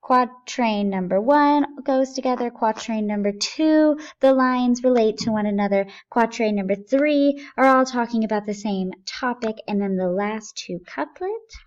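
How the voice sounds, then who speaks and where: A woman's voice: fairly high pitch, unhurried. A woman teacher explaining poetry step by step, patiently thinking aloud and asking herself questions as she goes. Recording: dull lo-fi recording.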